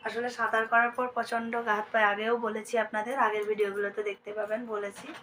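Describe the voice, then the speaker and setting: A young Indian woman with a Bengali accent narrates a casual daily vlog from indoors at home, chatting with her viewers as though they were friends. Her medium-pitched voice is flat and fast, and she sometimes softens it so her sleeping daughter won't wake. There is slight background noise.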